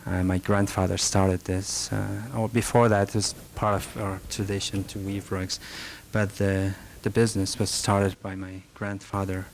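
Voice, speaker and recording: Answering questions from the audience at his library presentation, a middle-aged rug merchant from northern Afghanistan speaks halting English in an Afghan accent. His low-pitched voice is creaky and level in tone, soft-spoken, with many fillers and restarts. The recording is archival, with faint hiss behind it.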